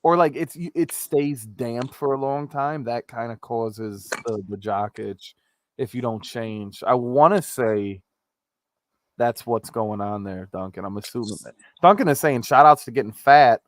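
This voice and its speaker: A man's voice: medium pitch, measured pace, no echo, clean studio sound. A man hosting a casual comedic live-streamed chat, rambling and joking, with popping p sounds. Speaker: host of a live-streamed talk show. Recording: clicks and pops, faint background noise.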